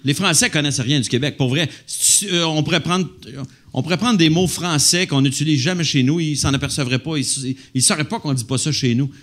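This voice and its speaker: A man's voice: a little high, brisk, a bit bright. A man with a Québécois accent, a comedian telling stage anecdotes in casual chat and swearing lightly. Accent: Québécois French. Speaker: comedian guest.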